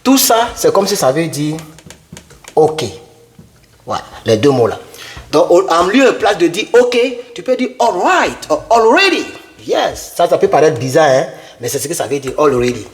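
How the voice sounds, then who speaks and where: Man, young adult, casual lesson, lively sing-song intonation, slightly high voice, repeats words to drill. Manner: repeats words slowly, drills pronunciation, talks to viewer. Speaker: English teacher.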